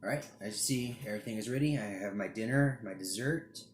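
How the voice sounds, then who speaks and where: A man's voice: on the low side, fairly quick. A man hosting a home cooking video, chatting casually and thinking aloud as he works. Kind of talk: casual how-to narration. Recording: echoey room with faint noise.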